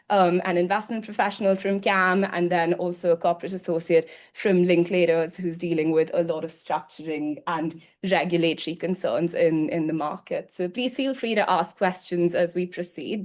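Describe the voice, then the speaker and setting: A woman introducing a session to an audience in a meeting room. Her voice is a little low. She speaks in a businesslike way, with ums and small restarts along the way. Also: a little mellow. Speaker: session co-host. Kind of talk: presentation introduction.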